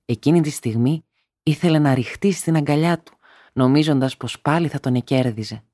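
A man's voice: on the high side, dark tone, no echo, clean studio sound. Man narrating a literary audiobook.

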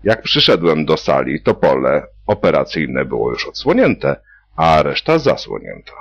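A man's voice: a bass voice, very animated, normal speed, gravelly, a bit bright, slight background noise, heavily acted. A man voicing a breezy, joking male surgeon. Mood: defensive. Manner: jokey, breezy. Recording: dull lo-fi recording.

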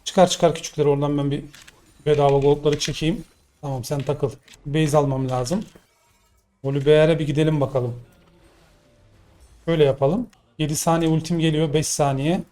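A young man commentating his own gameplay live, excitable and swearing in frustrated outbursts. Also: on the high side, normal speed, pauses often, soft background music. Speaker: gaming streamer.

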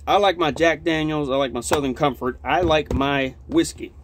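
A man's voice: on the high side, normal speed. Rambling young man, lip full of dip, noisy recording. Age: young adult. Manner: rambling, heavily sweary. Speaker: dip reviewer. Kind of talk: casual vlog chat, product review. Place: small cluttered log-walled room, indoors.

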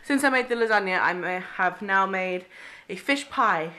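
A woman's voice: medium pitch, lively intonation, normal speed, sharp tone. A young woman from England chatting upbeat to a handheld camera at home, a little out of breath. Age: young adult. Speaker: vlogger. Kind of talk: casual vlog to camera. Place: home living room. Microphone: handheld camera close up.

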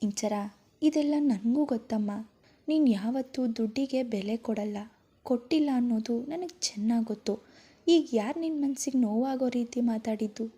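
A woman voicing an anxious, caring young female friend who fusses with quick worried questions. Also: on the high side, warm tone, slightly rough.

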